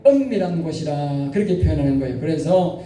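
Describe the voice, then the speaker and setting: A male pastor delivers a sermon in a church sanctuary, urging the congregation on and frequently calling for their response. His voice is slightly high, expressive, quick and mellow, with faint music underneath. The recording sounds distant, echoing through the church hall.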